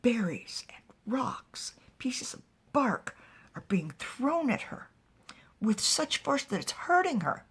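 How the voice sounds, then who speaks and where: A woman telling a fantasy story aloud in an animated way, often dropping to a whisper. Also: fairly high pitch, slow pace. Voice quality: husky and breathy.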